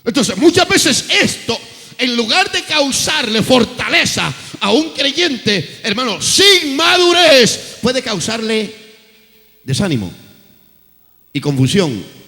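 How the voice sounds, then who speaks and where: A man's voice: extremely high pitch, sing-song, takes it slowly, bright, forceful tone, in a large hall. A male preacher, delivering an impassioned sermon full of rhetorical questions and acted-out quotes.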